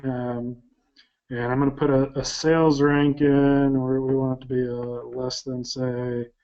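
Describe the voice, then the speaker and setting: A man demoing software over a video call, talking in a halting, hesitant way with many fillers. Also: medium pitch, flat delivery, smooth. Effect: heard over a video call. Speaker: software developer showing a product. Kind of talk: live screen-share demo. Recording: muffled video call audio.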